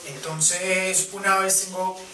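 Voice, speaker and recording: Higher-pitched Colombian man in echoey room. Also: flat delivery, slow, far from the mic, crowd noise. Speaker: actor. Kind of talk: explanatory interview. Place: small indoor room. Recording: echoey room, off-mic, music behind.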